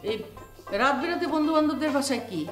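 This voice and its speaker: A woman's voice: high voice, fast talker, music in the background, close to an everyday voice. An actress playing a strict, firm middle-aged mother in a TV drama, giving orders to her sons. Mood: stern. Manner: firm, commanding. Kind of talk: Bangla TV drama acting.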